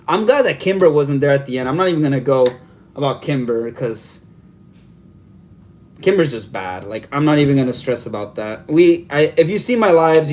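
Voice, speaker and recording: A fan host with a fairly high, slightly mellow voice is live streaming into a vertically held phone camera. He vents in an exasperated post-game rant, firing off one rhetorical question after another.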